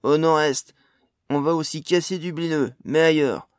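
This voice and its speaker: Man putting on a high, loud female dwarf, mocking, slangy, gravelly edge, storybook. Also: very animated, a little slow, dry recording, studio quality. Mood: mocking defiant. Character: brash, sharp-tongued female dwarf, mothering. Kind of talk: audiobook character voice.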